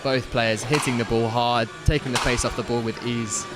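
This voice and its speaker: A young English man giving upbeat live commentary on a student squash match. He calls the points and adds quick remarks on the play. Music plays loudly behind his voice. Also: mid-range voice, fairly even intonation. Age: young adult.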